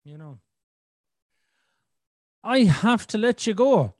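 A man's voice: high-pitched, big pitch swings, slow, darkish tone, no room sound, clean studio sound. A man hosting a podcast in casual, candid conversation, with a blunt, sweary, joking manner. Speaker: podcast host.

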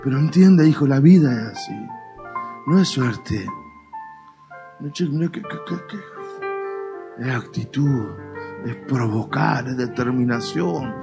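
A male pastor with an Argentine Spanish accent, preaching a lively, colloquial sermon with playful mock dialogues. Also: mid-range voice, measured pace, gravelly, long pauses, music in the background. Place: church.

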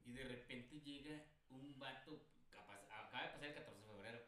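A man's voice: medium pitch, a little fast. A man with a Mexican accent chatting animatedly on a casual podcast, acting out little scenes. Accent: Mexican Spanish. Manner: animated, acts out quoted lines. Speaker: podcast co-host. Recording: very echoey room.

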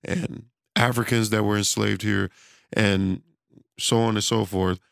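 This American man has a lowish voice with vocal fry, captured in a dry recording. He works for himself out of a studio and is losing his voice, drifting through a loose, casual monologue full of fillers and repeated restarts.

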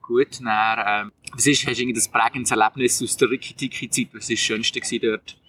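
A man's voice: mid-range voice, steady tone, a little fast. A man with a Swiss German accent conducting a casual interview as the interviewer. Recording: distant mic with loud background noise.

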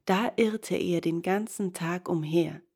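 Woman narrator, fairy tale, gravelly, low. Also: slow pace. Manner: calm storybook narration. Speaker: storyteller.

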